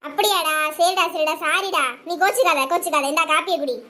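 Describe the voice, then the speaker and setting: A woman's voice: very high voice, fairly quick, sharp tone. A woman voicing a mother in a cartoon who scolds the kids for dirtying the house. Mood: scolding. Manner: scolding, nagging.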